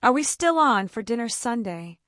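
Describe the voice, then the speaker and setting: A woman doing a gentle, loving old grandfather. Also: on the high side, big pitch swings, normal speed, no room sound, studio quality. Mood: tender.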